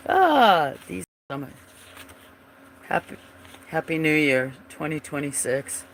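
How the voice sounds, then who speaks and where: Bright-toned and fairly high, the man's gravelly, froggy voice is very animated yet unhurried as he hosts a livestream about his drawings. His casual commentary meanders and tails off while he digs for pieces, with slight background noise.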